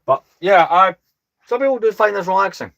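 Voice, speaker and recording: Calm, soothing British man chatting. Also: sits high, brisk, vocal fry. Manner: rambling, chatty, self-deprecating. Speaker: host. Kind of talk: casual livestream chat.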